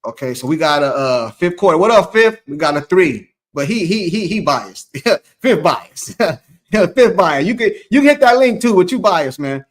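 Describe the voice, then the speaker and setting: A man's voice: high voice, sing-song, normal speed, few pauses. A man hosting a loose, rambling sports talk show, reading from a live chat. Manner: loose, rambling, repeats himself. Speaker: host.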